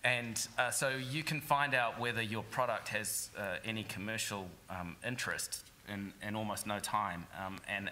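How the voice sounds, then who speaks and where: A man's voice: on the low side, bright, forceful tone, slight background noise. A man with a New Zealand accent, an app entrepreneur on a conference panel, talking in an upbeat, joking way.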